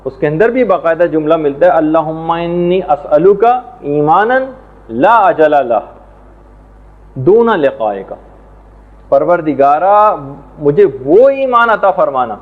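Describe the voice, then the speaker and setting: A man teaching a religious lesson in a measured, explanatory way, now and then reciting Arabic prayers and verses. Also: on the high side. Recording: tinny phone-like sound.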